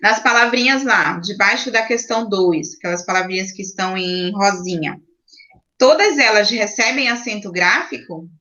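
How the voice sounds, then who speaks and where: A woman's voice: medium pitch, moderate pace, pushed and bright, muffled recording. A woman teacher with a Brazilian Portuguese accent, patiently explaining grammar to children on a video call and checking in often. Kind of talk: online class teaching.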